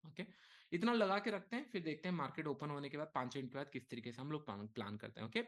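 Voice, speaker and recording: A man leading a live market lesson, talking casually and thinking aloud, with frequent okays and short pauses. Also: on the high side, a bit bright. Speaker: trading instructor. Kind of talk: live market teaching session.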